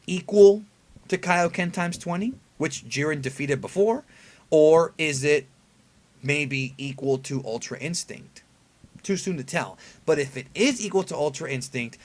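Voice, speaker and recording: In a fairly high register, a male anime review host picks apart an episode preview as casual fan commentary. His delivery is conversational, and he stresses his points while putting rhetorical questions to viewers.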